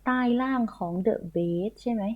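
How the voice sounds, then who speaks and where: In an online primary school English lesson, a woman speaks at a measured pace and medium pitch. She patiently repeats words and spells them out letter by letter, and the audio sounds tinny, like a phone.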